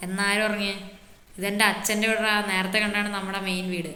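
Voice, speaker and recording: A woman's voice: mid-range voice, level tone, fairly quick, bright, forceful tone, faint music behind, lightly acted. A woman voicing an easygoing adult man, showing off his city in a game role-play with a boastful, teasing big-brother tone. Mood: casual. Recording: echoey roomy reverb.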